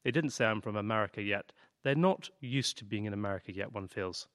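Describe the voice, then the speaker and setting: A man reporter explaining a situation in a measured, thoughtful way during a studio discussion. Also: lowish voice, fairly bright tone, no echo.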